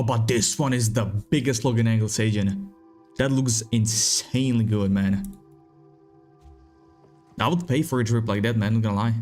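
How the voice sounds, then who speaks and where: A young man with a Czech accent streams games, chatting casually with viewers, swearing, and reading the chat aloud. His voice is medium-pitched and a little mellow, and his manner is laid-back.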